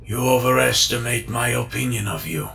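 An actor playing a cold, aloof middle-aged scientist who talks in a clipped, disdainful way. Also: male voice, medium pitch, normal speed, creaky, bright, forceful tone, faint music behind.

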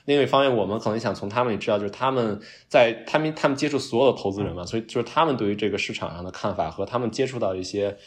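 A man's voice: on the low side, rapid-fire, hardly any pauses. A man with a strong Beijing accent chatting casually on a podcast. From Beijing, China.

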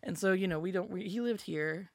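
A woman's voice: fairly low pitch, fairly quick, darkish tone, dry recording, clean studio sound. A woman from Alabama, a musician and podcast guest, telling her story in a chatty, filler-heavy way and acting out quotes. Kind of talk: casual storytelling interview.

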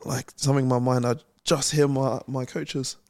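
A relaxed young man talks in a casual, easygoing way, often breaking into a laugh. He speaks at an ordinary mid pitch. The sound is dry and close to the mic. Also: moderate pace, no echo. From England. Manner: easygoing, laughs often, mild swearing substitutes. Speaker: guest boxer. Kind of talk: casual podcast chat.

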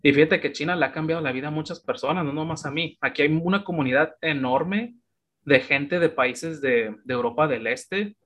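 A man in his thirties with a Mexican accent, a guest telling his story in a relaxed, chatty way with plenty of fillers. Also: on the high side, moderate pace. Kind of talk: casual interview chat.

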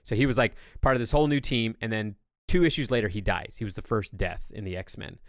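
On his podcast, a man with a lowish, expressive voice talks quickly and goes on at length, explaining topics with casual enthusiasm. The sound is clean studio quality without echo.

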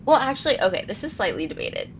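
A woman's voice: fairly high pitch, very animated, quick pace, lo-fi sound, a little hiss or hum. A nineteen-year-old woman from California, telling stories on a casual podcast with detours and self-corrections. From Los Angeles, California. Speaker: podcast co-host. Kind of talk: casual storytelling chat.

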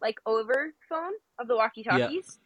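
A woman's voice: fairly high pitch, normal speed, no room sound, muffled recording. Rambling young woman telling a story. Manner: rambling, filler-heavy, laughs between phrases. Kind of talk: casual storytelling chat.

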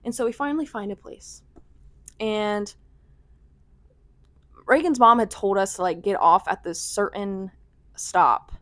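A woman's voice: medium pitch, a little slow, long pauses, fairly bright tone, dry recording. Chatty young American woman, dry sound. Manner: chatty, filler-heavy with frequent "like", laughing asides. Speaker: vlogger. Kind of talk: casual storytelling.

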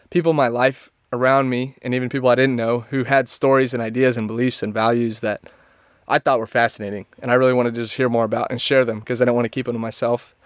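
A man's voice: medium pitch, smooth, no echo. A man in his twenties hosting a podcast, recorded inside a closet, talking casually without a script and rambling as he thinks aloud. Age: 20s. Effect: close, muffled closet sound. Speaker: podcast host. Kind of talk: unscripted podcast trailer monologue.

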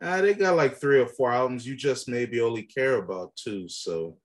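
A man's voice: medium pitch, lively intonation, normal speed. Argumentative young man debating rap. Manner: argumentative, talks over his partner, profane. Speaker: podcast co-host. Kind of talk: casual debate about rap.

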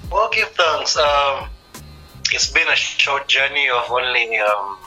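Guy in his 30s, musician on a radio interview, super bright voice, slow thoughtful talk with lots of uhs, faint music behind. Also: mid-range voice, lively intonation, poor audio. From East Africa. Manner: thoughtful, unhurried, many pauses and fillers. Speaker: musician guest.

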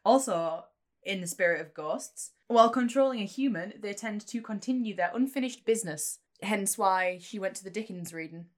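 A woman with a mid-pitched voice co-hosts a relaxed fan podcast. She chats and reads out trivia in a playful, joking manner. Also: normal speed. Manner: jokey, playful. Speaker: podcast co-host. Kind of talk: casual chat and trivia about a TV series.

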